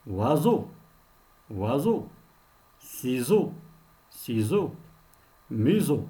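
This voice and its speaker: A man teaching a French pronunciation lesson, saying each example word slowly, often twice, and explaining its meaning in simple terms. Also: medium pitch, darkish tone. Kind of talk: slow reading-lesson pronunciation drill.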